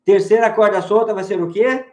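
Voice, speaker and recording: Brazilian guitar teacher, high voice, roomy echo. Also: male voice, brisk. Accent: Brazilian Portuguese. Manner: coaxing, drills call-and-response, playful nicknames. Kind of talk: live online guitar lesson.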